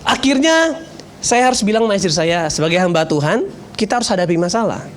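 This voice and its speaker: A male pastor preaching in a lively storytelling way, joking and poking fun at himself. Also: high-pitched, fairly quick, a little hiss or hum. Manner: lively, joking, self-mocking. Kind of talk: storytelling sermon.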